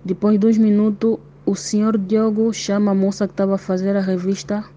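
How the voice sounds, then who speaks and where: A woman gives a steady, detailed account in a recorded voice message. Her voice is dark and mellow. The voice note sounds dull and lo-fi, with faint noise behind it. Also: mid-range voice, a little fast. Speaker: prisoner's wife giving testimony.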